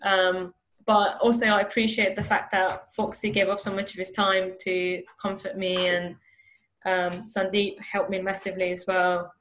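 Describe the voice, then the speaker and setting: A woman's voice: medium pitch, level tone, moderate pace, a bit bright. A woman being interviewed, telling a personal story in a rambling, casual way and acting out what people said. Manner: rambling, acts out quotes with "I was like". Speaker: interview guest.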